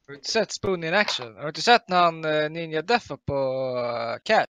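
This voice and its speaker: A man with a high, lively voice banters over gaming with friends. He gets excitable and swears as he goes. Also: no room sound. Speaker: live stream co-host.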